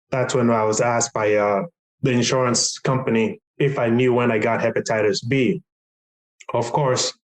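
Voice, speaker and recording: A middle-aged man from Tanzania, a patient advocate earnestly and reflectively recounting his experience, with frequent pauses and fillers. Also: mid-range voice, low-quality recording. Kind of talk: recorded podcast testimony.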